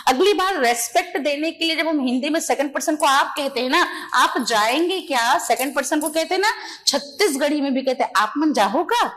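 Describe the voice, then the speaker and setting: A woman with a high-pitched voice delivers an exam-prep lecture. She explains point by point, checks in with her students, and acts out everyday phrases as examples. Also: fairly quick, fairly bright tone. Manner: explanatory, keeps asking "है ना?", acts out dialect phrases. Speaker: teacher.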